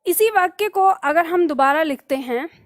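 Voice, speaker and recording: A woman teacher giving an exam-prep grammar lesson, dictating notes slowly and asking and answering her own questions. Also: very high-pitched, expressive, dry recording, studio quality.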